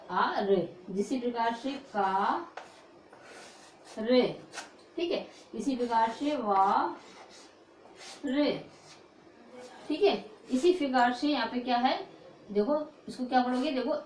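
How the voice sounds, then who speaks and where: Female English teacher, raised pitch, echoey room with faint background noise, drills words by repeated questions. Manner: repetitive call-and-response questioning; drawn-out modeled words. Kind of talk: pronunciation lesson.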